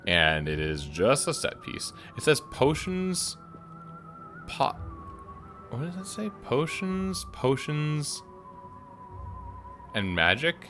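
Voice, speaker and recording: A gaming YouTuber plays a game on camera in let's play style, thinking aloud and cracking wry jokes along the way. His medium-pitched voice is sing-song and slow, with long pauses, and he speaks over music.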